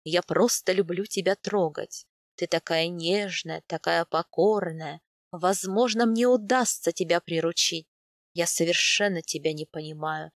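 A woman voicing a young steppe man, a teasing and tender captor, speaking low, slow and coaxing for an audiobook. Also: dry recording, clean studio sound. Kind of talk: audiobook character voice.

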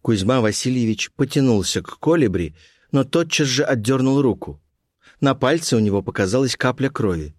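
A man narrating a classic story in a measured, expressive storytelling manner. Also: mid-range voice, no room sound, studio quality. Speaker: audiobook narrator.

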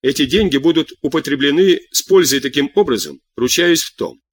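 A man voicing a calm, stubborn middle-aged king who answers with dry irony and long cool lectures, in an audiobook reading. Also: a little high, a little fast, slightly rough, dry recording. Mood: sardonic. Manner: cool, sardonic, lectures at length.

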